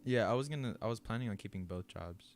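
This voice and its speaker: A man's voice: on the low side, fast talker. A young man talking easily as a guest and giving short replies. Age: young adult. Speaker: guest, host's cousin. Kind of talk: casual chat.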